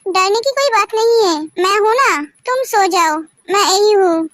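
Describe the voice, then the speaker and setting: Jungkook: a woman reading a gentle young male doctor. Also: extremely high pitch, measured pace, very noisy. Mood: tender. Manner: soft, reassuring, tender. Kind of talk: amateur storytelling, all roles read by one voice. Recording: dry close mic with soft background music.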